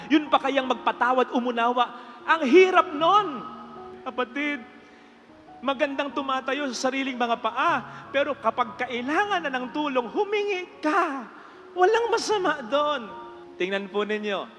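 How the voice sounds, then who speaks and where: High-voiced Filipino priest preaching. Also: male voice, pushed and bright, long reverb tail. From Philippines. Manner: preaching to the congregation with rhetorical questions, mixing in English phrases. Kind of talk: sermon.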